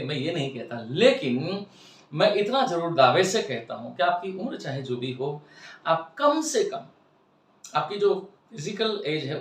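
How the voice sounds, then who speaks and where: A man's voice: on the high side, a bit bright, reverberant, distant mic. A man, a wellness host persuasively and emphatically explaining ideas to his viewers. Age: 60s. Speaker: health and wellness channel host. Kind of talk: explanatory talk to camera.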